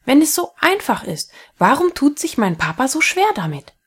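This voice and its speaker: A woman voicing a young schoolboy, sad and wistful, in a read-aloud story, with a breathy tone and a raised, pleading delivery. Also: high voice, big pitch swings, normal speed, pitched above the performer's own voice.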